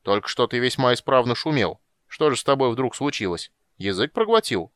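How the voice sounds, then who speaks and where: A fussy, absent-minded old wizard, as a man puts him on, speaking loudly and indignantly. His pitch moves up and down in a lively way. The audiobook recording is dry and close. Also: fairly quick, dry recording, lightly acted. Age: older.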